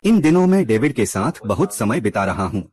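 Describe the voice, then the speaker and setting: A man's voice: fairly low pitch, big pitch swings, brisk, darkish tone, slightly rough. A man narrating a drama recap in a scripted way, reading out every character's lines himself.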